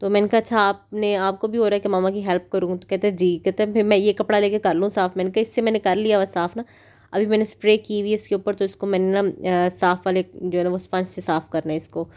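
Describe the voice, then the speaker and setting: A woman's voice: medium pitch, level tone, fast, darkish tone. A woman in her thirties from Pakistan, a mother narrating her home routine in a chatty vlog voice-over with many fillers. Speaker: vlogger, mother.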